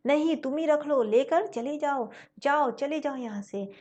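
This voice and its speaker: A woman's voice: a little high, animated, moderate pace, gravelly, darkish tone. A woman voicing a young boy who is upset and guilty as he gives away his stamp album, heard in a story retelling. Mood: tearful.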